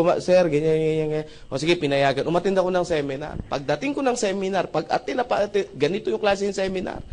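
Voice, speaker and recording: A man's voice: on the high side, darkish tone. A man with a Filipino accent giving a testimonial talk to an audience, acting out both sides of past conversations and often asking the audience to agree. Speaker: motivational speaker.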